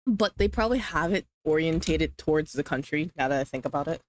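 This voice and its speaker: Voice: mid-range voice, lively intonation, fairly quick. A livestreamer chatting casually with chat while eating, rambling and hedging with lots of fillers. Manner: rambling, hedging with many "like"s, reading chat aloud.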